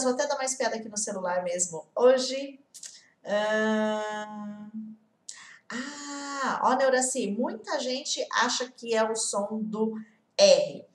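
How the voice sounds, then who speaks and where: A woman's voice: on the high side, roomy sound. A young Brazilian woman with a Portuguese accent from the interior of São Paulo state, teaching English in a casual online lesson. She talks patiently and often checks in with the viewer.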